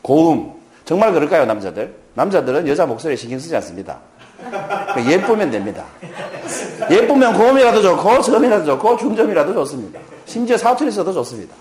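A man's voice: fairly high pitch, big pitch swings, quick pace, a little mellow. A middle-aged man giving a lecture, playful and joking as he quizzes his audience. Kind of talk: lively lecture with audience questions.

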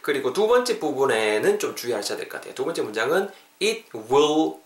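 A man teaches English on his podcast in a playful way. His pitch swings widely, and he slows down to drill each English phrase. The recording carries a roomy echo. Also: sing-song.

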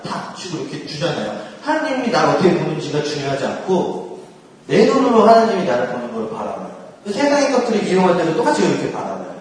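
Man, faith talk to a group, high lively voice, laughs often, miked from far off in an echoey hall. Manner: laughs often while talking; acts out quoted prayers and inner thoughts. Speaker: speaker at a church gathering.

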